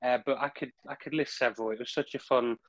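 A man's voice: mid-range voice, steady tone, quick pace, dry recording. A man talking casually as a podcast guest, rambling a little and repeating phrases as he searches for words. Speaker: podcast guest, project representative. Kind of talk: casual conversational recounting.

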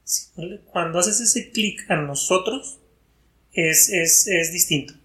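A man talks as a guest, thinking aloud and circling back over his words. His voice sits high for a man and sounds bright. The recording has a roomy echo around him. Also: takes it slowly. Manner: thoughtful, repeats and restarts words while thinking. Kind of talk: casual reflective chat.

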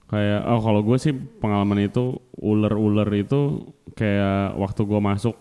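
A man's voice: lowish voice, steady tone, normal speed, mellow, clear, resonant tone. A man hosting a casual interview, asking short prompting questions and mixing English phrases into his speech. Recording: reverberant room.

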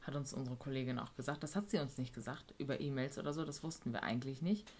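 Her voice is extremely low, a little mellow and slightly rough, and she talks at a quick pace. Chatting casually as a guest, this care worker with a residential group describes a work trip, swearing freely and acting out what people said.

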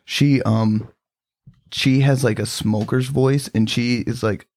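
A man's voice: mid-range voice, steady tone, slow pace, a little mellow. A man telling rambling stories on a casual podcast, full of fillers and swearing. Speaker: podcast co-host. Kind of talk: casual storytelling chat.

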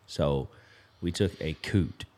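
Deep low guy in his 30s, podcast guest rambling thru a story w a ton of likes. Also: slow pace, darkish tone. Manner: rambling, loose and profane, with lots of "like". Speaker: podcast guest, apparel business co-founder. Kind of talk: casual storytelling chat. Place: lodge.

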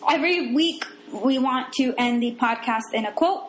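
A woman's voice: high-pitched, normal speed, echoey room, slight background noise. A woman co-hosting a casual podcast, laughing often and swearing casually. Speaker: podcast co-host.

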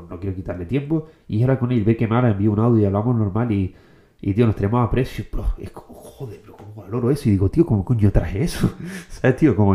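A young man from the Canary Islands giving a casual motivational monologue, slangy and quick, forever dropping "tío" and "bro". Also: on the low side, lo-fi sound. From Canary Islands, Spain. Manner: slangy, fast, keeps saying "tío" and "bro". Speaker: motivational content creator.

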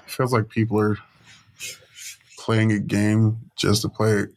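A man's voice: lowish voice, monotone, takes it slowly, a little mellow. A man co-hosting a podcast, joking and laughing in a casual chat. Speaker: podcast co-host.

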